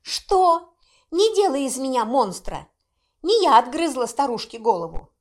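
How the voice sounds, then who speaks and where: A woman reading an audiobook, voicing a sharp-tongued young witch heroine who is excitable and quick to protest. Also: sits high, voice pushed up. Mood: outraged. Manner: indignant, excitable, quick to cry out.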